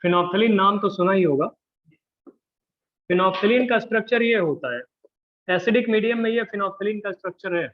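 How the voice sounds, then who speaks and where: High-voiced male chemistry teacher. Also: moderate pace, pauses often. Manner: chatty, teasing, checks in with students often. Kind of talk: live classroom lecture. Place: classroom with students. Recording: dull lo-fi class recording.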